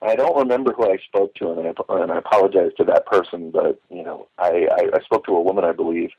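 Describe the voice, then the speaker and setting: This middle-aged man talks fast in a low, slightly rough voice, recalling things as a longtime fan in a casual interview. He's eager and thorough but wanders off on tangents, and the recording has the dull, lo-fi quality of a phone call.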